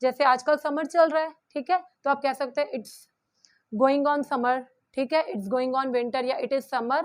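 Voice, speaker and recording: A young Indian woman with a high voice and an Indian accent teaches English grammar. She explains patiently, reads each example sentence slowly and deliberately, and keeps checking in with her students. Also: steady tone. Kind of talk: spoken grammar lesson.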